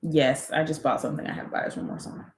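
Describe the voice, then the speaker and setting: A woman's voice: a bass voice, lively intonation, fast talker, gravelly, echoey room, slight background noise. A woman co-hosting a live chat, talking casually and laughing often while she tells stories. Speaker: co-host of a live chat show.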